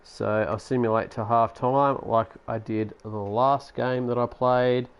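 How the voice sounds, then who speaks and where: A man's voice: mid-range voice, steady tone, a little slow, clean tone, muffled recording. A man giving casual, sarcastic commentary while playing a basketball management game. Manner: chatty, sarcastic, grumbles at the game. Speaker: gaming YouTuber.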